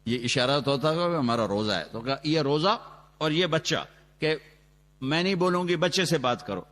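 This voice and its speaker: A man preaching a sermon and telling the story dramatically, his voice rising loudly, with Quranic Arabic chanted slowly. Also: fairly high pitch, a little hiss or hum. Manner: dramatic storytelling with sudden loud rises and quick asides. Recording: long reverb from a large hall, on a loudspeaker.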